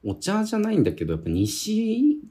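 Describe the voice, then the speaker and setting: A man from Tohoku in Japan with a slightly husky voice, chatting casually as a podcast co-host. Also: sits high, wildly swooping pitch, fast talker, mellow. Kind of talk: casual chat.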